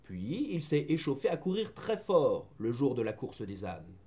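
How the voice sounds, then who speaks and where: A man voicing a steady farmhand in a storybook reading, calm and matter-of-fact as he explains. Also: medium pitch, unhurried. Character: steady older male farmhand tending animals.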